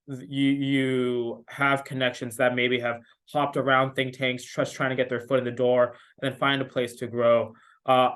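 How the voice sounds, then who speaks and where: Man, mid-range pitch, halting measured delivery, frequent uh pauses, informal panel explanation. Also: a bit bright. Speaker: panelist, research institute manager. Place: online video panel.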